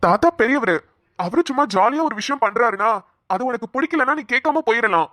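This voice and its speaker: A woman voicing a young husband in a cartoon, coaxing and calming his upset wife. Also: a little high, a little fast, dry recording, studio quality. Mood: reasoning. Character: young husband, patient and soothing. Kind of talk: Tamil cartoon drama voice acting.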